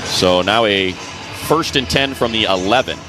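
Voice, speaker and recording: A man calls live football play-by-play on radio, following each play as it happens in clipped phrases. His voice is lowish at a moderate pace, with music in the background, in a noisy live stadium broadcast.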